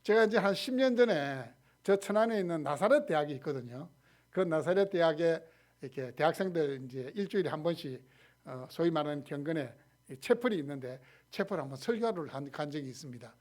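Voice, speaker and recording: Male pastor, high-pitched voice, Sunday sermon, questions the congregation, dips from loud stresses into quiet asides. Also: lively intonation, fairly quick. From South Korea. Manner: asks the congregation questions, acts out quotes; swings between loud stresses and quiet trailing phrases.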